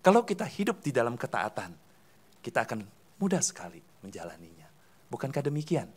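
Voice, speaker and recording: A man's voice: mid-range voice, very animated, fairly quick, breathy edge. A man, a pastor preaching a sermon in a church hall, asking the congregation questions and answering them himself. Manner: swings between loud emphatic calls and soft dropped endings.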